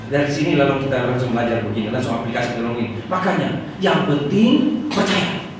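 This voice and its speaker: A man preaching a Sunday sermon as pastor, acting out quoted prayers with lively emphasis. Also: medium pitch, fairly quick, slight background noise. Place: church hall. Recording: echoey church hall from far off.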